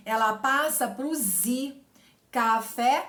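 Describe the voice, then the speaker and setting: A woman's voice: on the high side, fairly bright tone. Patient woman teacher, echoey room. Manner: explains patiently, stretches example words slowly, asks "certo?" often. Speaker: Portuguese teacher. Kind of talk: exam-prep grammar lesson.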